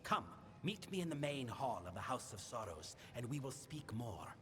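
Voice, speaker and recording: Solemn Fae lord in a reverberant hall. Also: male voice, medium pitch, very animated, a bit bright. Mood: formal. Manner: grave, measured, formal. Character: solemn, imperious male Winter Fae lord of a failing house. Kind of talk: scripted fantasy game dialogue. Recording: long hall reverb, background noise.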